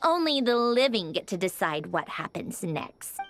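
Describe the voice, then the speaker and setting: A woman's voice: medium pitch, big pitch swings, moderate pace, a bit bright. An actress voicing a cold, haughty woman commander in a fantasy game, speaking in a dismissive, clipped way. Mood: scornful. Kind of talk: video game cutscene voice acting.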